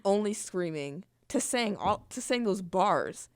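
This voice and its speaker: A woman guest on a podcast, chatting casually with emphatic, expressive reactions. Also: mid-range voice, unhurried, no echo, studio quality. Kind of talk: casual chat.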